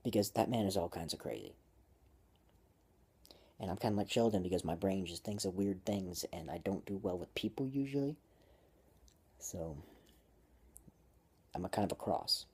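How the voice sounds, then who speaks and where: A man's voice: sits low, normal speed, pauses often, darkish tone, breathy edge. A man reading his own story aloud, stopping often to joke and comment on his writing. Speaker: amateur writer and vlogger.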